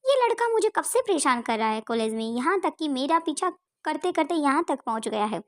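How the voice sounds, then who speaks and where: A woman voicing a sharp-witted young college woman in a spoken story. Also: sits high, very animated. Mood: crying out. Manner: brisk, dismissive.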